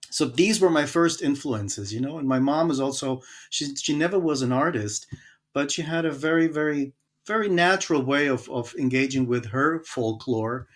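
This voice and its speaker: A man from Germany, a guest musician, telling his story in a relaxed, hesitant way with many fillers. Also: medium pitch. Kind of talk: casual interview storytelling.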